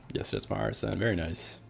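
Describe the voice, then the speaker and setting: Relaxed and full of fillers, this young Canadian streamer reads his chat aloud while gaming, talking to viewers casually in a Canadian accent. His voice is low and darkish, with some vocal fry.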